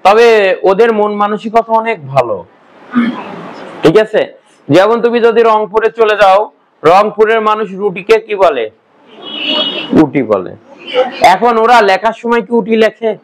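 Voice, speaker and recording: High-voiced man quizzing a class. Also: normal speed, slight background noise, poor audio. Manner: quizzing students with repeated questions. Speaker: Bengali grammar teacher. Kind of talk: classroom lecture.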